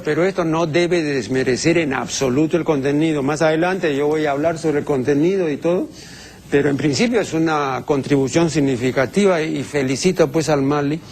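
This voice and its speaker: Pedantic older man, gravelly. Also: high-pitched. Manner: strict, pedantic, with many hesitations. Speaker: TV language commentator answering viewers. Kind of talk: talk-show segment answering viewer questions.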